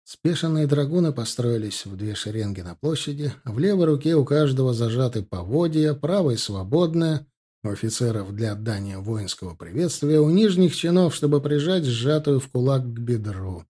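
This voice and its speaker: A man narrating an audiobook in a steady, even storytelling manner. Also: mid-range voice, normal speed, slightly rough. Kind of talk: scripted narration.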